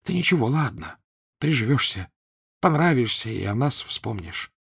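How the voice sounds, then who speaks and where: A man's voice: medium pitch, big pitch swings, gravelly, fairly bright tone, husky, dry recording, studio quality, voice pushed up, full character voice. A man voicing a timid, fawning retired officer who speaks meekly and hurriedly. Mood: anxious. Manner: meek, hurried and bowing.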